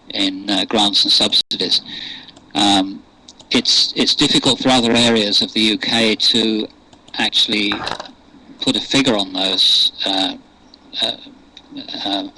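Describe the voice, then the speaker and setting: A man's voice: fairly low pitch, sharp tone, slightly rough, poor audio. An older man with a posh English accent, answering interview questions in a hesitant way with many fillers and restarts. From England. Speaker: interview guest. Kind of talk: unscripted radio interview.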